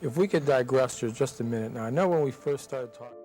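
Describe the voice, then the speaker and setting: A man's voice: medium pitch, fast, darkish tone, faint music behind. A man hosting an interview, asking curious, short prompting questions. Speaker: talk show host.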